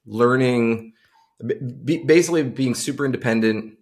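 A middle-aged tech entrepreneur from Long Island, speaking as a podcast guest, tells informal anecdotes in a casual conversational interview. His mid-range voice is a little mellow and moves at a normal speed.

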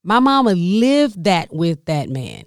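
A woman telling a personal story to an audience, expressive, with dramatic pauses and direct asides to her listeners. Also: fairly low pitch, no echo, clean studio sound.

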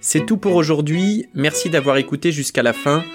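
A man's voice: fairly high pitch, normal speed, over loud music. Wry man hosting a literature podcast. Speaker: podcast host. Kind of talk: scripted literary narration and reading aloud.

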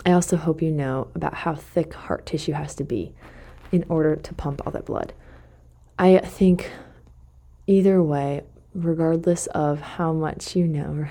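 A woman speaking in a slightly low, warm and mellow voice, hosting a devotional podcast. She talks in a relaxed, conversational way and thinks out loud, pausing to correct herself now and then. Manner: thinking aloud, with self-corrections. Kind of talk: casual faith reflection talk.

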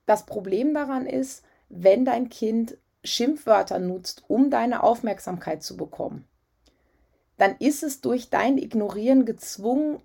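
Woman, parenting coach, husky slightly breathy voice, casual advice talk. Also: on the high side, mellow. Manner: conversational, frequent "ja" and "ähm" fillers.

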